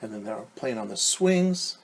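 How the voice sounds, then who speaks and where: Reading a picture book to little kids, this male preschool teacher has a fairly low, expressive voice and an unhurried pace. He explains things in simple, instructive language, and slight background noise can be heard.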